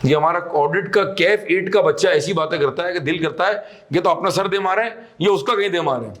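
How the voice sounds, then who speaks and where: High-voiced man scolding a class. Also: fairly quick. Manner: scolding, emphatic, mixes English terms. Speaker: teacher. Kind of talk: classroom lecture.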